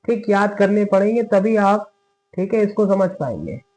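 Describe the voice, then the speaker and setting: A man's voice: high voice, lively intonation, moderate pace, a little mellow, low-quality recording. A man teaching Quran tajweed in a patient spoken lesson, repeating each point and often checking in with his students. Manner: patient, repeats points with frequent "theek hai". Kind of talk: slow spoken lesson with recitation examples.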